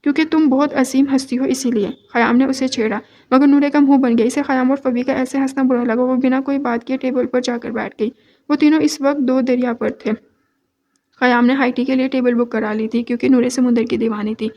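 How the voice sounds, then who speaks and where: Audio novel narrator: a woman with a high voice, steady scripted reading. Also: muffled recording.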